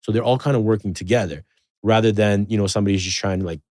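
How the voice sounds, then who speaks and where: In a casual podcast conversation, a man with a fairly low voice talks fast, rambling loosely and filling his speech with fillers as he tells stories animatedly. The recording is dry and of studio quality.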